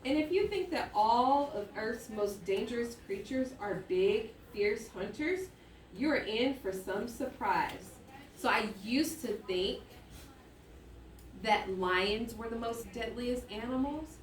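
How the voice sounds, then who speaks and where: Reading aloud to children in a classroom with echo, a teacher speaks slowly in a fairly high voice with lively intonation. She's picked up from a distance in a spacious, slightly noisy recording, musing aloud with hums and exclamations and regularly checking her listeners keep up.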